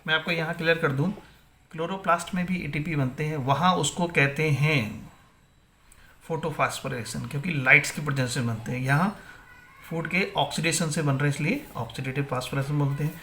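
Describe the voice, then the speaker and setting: A man's voice: a little high, fairly quick, pushed and bright. A male biology teacher gives an exam-prep lecture, asking questions and answering them himself, and mixing English terms into Hindi.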